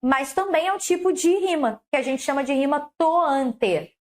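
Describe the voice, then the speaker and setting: A woman's voice: high-pitched, normal speed. A woman teaching a lesson on verse, explaining step by step and asking the viewer questions, on a clip-on mic. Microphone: clip-on mic on her collar.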